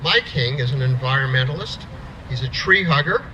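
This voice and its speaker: A man's voice: medium pitch, expressive, normal speed, pushed and bright, highs cut off, a little hiss or hum. A middle-aged man from the United States telling a plainspoken story at an outdoor rally, restarting words as he goes. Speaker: rally speaker.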